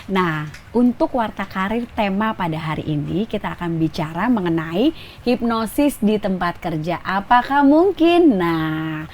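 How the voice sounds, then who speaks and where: A woman hosting a casual talk show, lively and chatty, laughing often as she asks questions. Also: medium pitch, unhurried, slight background noise. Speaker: host.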